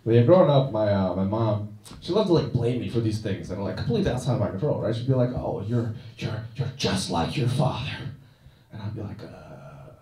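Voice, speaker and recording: On a comedy club stage, a man from China performs stand-up with a dry, self-deprecating delivery and frequent "uh" restarts. His lowish, warm voice is brisk with lively intonation, and it sounds reverberant and distant from the mic.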